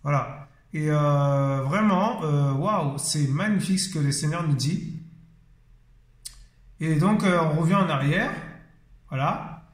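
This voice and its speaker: High-voiced enthusiastic man, echoey room. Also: slow pace, long pauses. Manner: enthusiastic, frequent exclamations of praise; hesitant, many fillers and restarts. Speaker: Bible teacher. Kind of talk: informal Bible word study.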